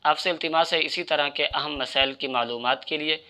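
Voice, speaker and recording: A man's voice: on the high side, steady tone, moderate pace, bright, forceful tone. A man giving religious instruction in a methodical, explanatory way, addressing his listeners directly. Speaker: Islamic religious teacher.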